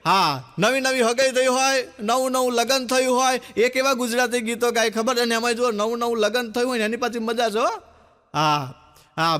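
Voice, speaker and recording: A man doing stand-up, telling comic stories and acting out the dialogue of the people in them. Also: very high voice. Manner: animated joke-telling with quoted dialogue. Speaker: stand-up comedian. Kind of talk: Gujarati comic storytelling.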